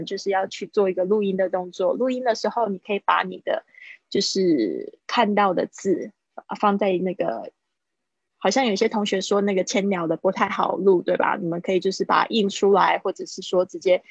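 Woman teaching English vocabulary, husky voice. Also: mid-range voice, no echo. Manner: mixes Mandarin with English, drawn-out vocabulary drills. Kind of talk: live-streamed language lesson. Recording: husky, dull lo-fi stream audio.

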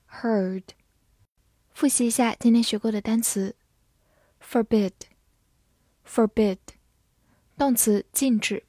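A woman whose first language is Chinese, teaching English words in a scripted lesson, spelling each word and repeating it slowly. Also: on the high side, darkish tone, no room sound, studio quality.

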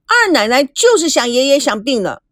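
A woman's voice: high voice, very animated, moderate pace, no room sound, studio quality, voice pushed up. A woman reading aloud and voicing a willful, headstrong teenage girl who insists and pouts. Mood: wilful, pleading. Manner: insistent, pouting, sharp outbursts.

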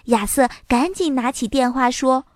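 A woman reading a children's story aloud in an expressive storytelling manner. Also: high voice, normal speed, no echo, clean studio sound.

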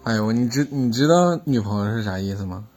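A man's voice: fairly low pitch, animated, fairly quick, darkish tone, soft background music. A man with a Northeastern Chinese accent chatting at home, teasing and questioning a child as she tells her story. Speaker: parent listening to a child's story. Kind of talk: casual home chat.

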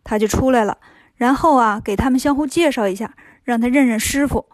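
A woman's voice: fairly high pitch, a little fast, no echo, studio quality, lightly acted. A woman voicing a wise, patient female goddess in a storybook reading, chiding and patient.

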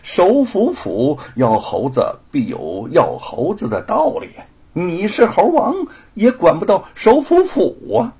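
Man doing an arrogant bully soldier, gruff and loud, high and husky; storybook reading. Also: huge pitch swings, takes it slowly, hardly any pauses, heavily acted. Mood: haughty. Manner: gruff, shouting and swaggering.

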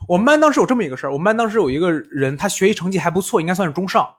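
Male podcast host, high and husky, fast, lively storyteller. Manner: animated storyteller, acts out quotes with big pitch jumps. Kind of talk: casual chat, storytelling.

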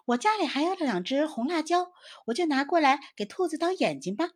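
A woman voicing a small, clever young squirrel in a children's storybook, with a high, excited, pleading voice. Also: fairly quick. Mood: cheerful.

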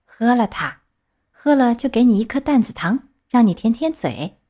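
A woman's voice: a little high, very animated, moderate pace. A woman voicing a patient, motherly fairy coaxing a sick child. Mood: gentle coaxing. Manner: gentle, coaxing.

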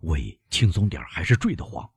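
A man's voice: low voice, huge pitch swings, vocal fry, breathy edge, no room sound, heavily acted. A man voicing an urgent, commanding doctor. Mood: pressing. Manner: quick, pressing questions.

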